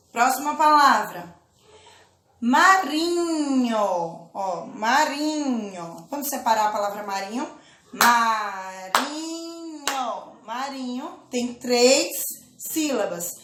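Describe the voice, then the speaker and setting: A woman teaching a children's lesson, speaking slowly and patiently, drawing out words and often checking in with her listeners. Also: on the high side, a bit bright, roomy sound. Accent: Brazilian Portuguese. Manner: slow, patient, drawn-out syllables with check-in questions. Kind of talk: children's lesson, clapping out syllables.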